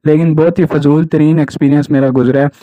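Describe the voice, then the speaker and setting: A man's voice: a little high, little pitch movement, fast talker, dark tone, no echo. Indignant young man, dull lo-fi. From Pakistan. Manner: indignant, keeps asking "right?" as he recounts. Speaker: jobs channel host. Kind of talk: casual first-person account to camera. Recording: dull lo-fi recording.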